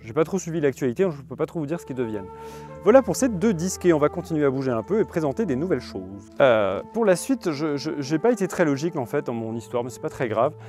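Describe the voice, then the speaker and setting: A man's voice: fairly high pitch, very animated, fast, darkish tone. A young man casually reviewing music albums to a phone camera, thinking aloud with many hesitations. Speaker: vlogger presenting borrowed music albums. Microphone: phone camera on a tripod.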